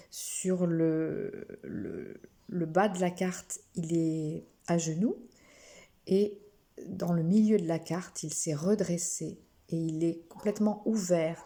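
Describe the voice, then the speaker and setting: French woman, card reading, slow, hesitant, mellow, somewhat low. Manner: slow, gentle, with frequent hesitations and restarts. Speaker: spiritual card reader. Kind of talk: oracle card reading to camera.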